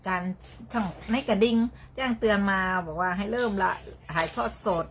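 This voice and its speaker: A woman's voice: mid-range voice, moderate pace. An older woman with a Northeastern Thai Isan accent chats through a casual phone livestream. She rambles, circles back and repeats her words, breaking into laughter. A faint background hum sits under her voice. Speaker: livestream host.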